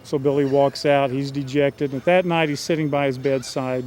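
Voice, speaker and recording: A man's voice: medium pitch, little pitch movement, moderate pace, darkish tone, a little hiss or hum. A man, a screenwriter, casually telling the story of his screenplay scene by scene. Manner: casual, with fillers and restarts. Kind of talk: storytelling a film synopsis. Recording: music playing behind.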